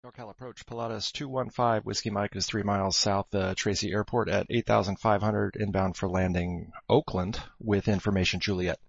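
Gravelly pilot man over a radio. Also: on the low side, fairly even intonation, normal speed, hardly any pauses, no room sound. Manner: terse, clipped readbacks. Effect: heard over an aircraft radio. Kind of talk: aviation radio calls and readbacks. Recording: dull lo-fi aircraft radio.

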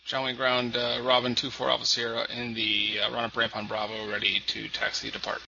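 Gravelly pilot over the radio. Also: male voice, medium pitch, completely flat delivery, sharp tone. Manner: halting, with "uh" fillers. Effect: pilot heard over an aviation radio. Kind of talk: clipped radio calls to the tower. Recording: muffled radio with faint noise.

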